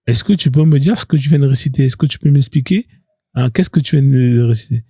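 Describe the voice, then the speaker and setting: Dark, husky man ranting on a live stream. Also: mid-range voice, brisk, dry recording, studio quality. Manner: mocking, repetitive, confrontational. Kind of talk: provocative live stream monologue.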